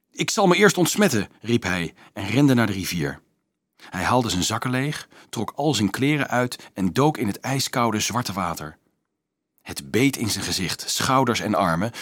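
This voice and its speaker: A man narrating a novel in a steady storytelling manner. His voice sits fairly low. The recording is dry and close. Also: no echo. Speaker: audiobook narrator. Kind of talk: scripted narration.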